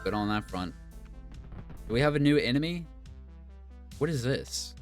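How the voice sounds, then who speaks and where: A man's voice: medium pitch, animated, moderate pace, music in the background. A man giving casual gameplay commentary, rambling and musing aloud in an offhand way. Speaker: gaming video creator.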